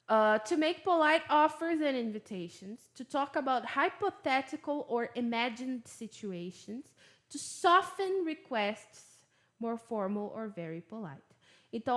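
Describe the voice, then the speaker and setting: A woman with a fairly high voice gives a relaxed English lesson. She speaks at an unhurried pace and moves easily between explanations and English example sentences. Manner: chatty, switches between Portuguese and English examples. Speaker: English teacher. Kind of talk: casual bilingual lesson.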